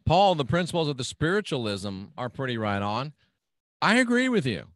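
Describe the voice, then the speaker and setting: A man hosts his own radio show, chatting casually and reading out live chat comments from listeners in a folksy, agreeable manner. His mid-range voice is very animated at a moderate pace, with no echo.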